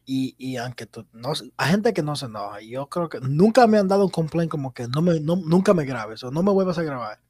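Chatty man with a fairly high voice. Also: animated, fairly quick, few pauses, a little mellow, dry recording, studio quality. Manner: chatty, laughs often, many restarts. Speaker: church photographer. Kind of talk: casual podcast chat.

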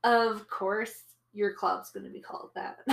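Fairly high woman, echoey room. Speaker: podcast co-host. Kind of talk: casual chat.

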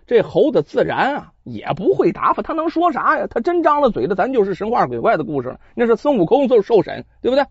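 A man telling a traditional folk tale with animated, chatty asides to the listeners. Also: very high-pitched, fast talker, few pauses, slightly rough, no room sound, lo-fi sound. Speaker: storyteller. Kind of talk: traditional Chinese storytelling.

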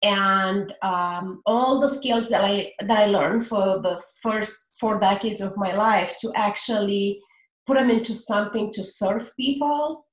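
Heard in a rough recording from an echoey room, this medium-pitched woman is a relationship coach in her forties with a Romanian accent. She talks earnestly during a casual interview, frequently stopping on fillers.

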